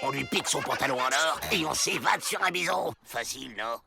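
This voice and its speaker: A man's voice: medium pitch, expressive, brisk, vocal fry, over music. A man voicing a short-tempered, scheming outlaw boss in a cartoon. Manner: bossy, explosive.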